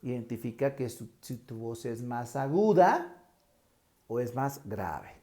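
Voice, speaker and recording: A Mexican man with a tenor voice teaching an online lesson, acting out pitch examples as he goes. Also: animated, slow, dark tone. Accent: Mexican Spanish. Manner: demonstrative, shifts pitch to show examples. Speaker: teacher trainer.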